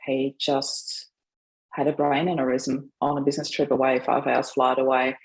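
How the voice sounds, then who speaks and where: A woman's voice: very deep voice, little pitch movement, normal speed, rough recording. A middle-aged woman from Austria, a guest telling her life story in a casual interview, chatty and laughing often, with frequent fillers. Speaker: podcast guest; mindset coach.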